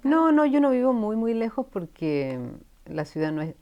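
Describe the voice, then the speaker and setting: A Chilean writer in her sixties, a guest in an in-person university interview, speaks thoughtfully and casually, often restarting sentences and trailing off into asides. Her voice is a little high and sing-song, at a moderate pace, and the audio sounds dull.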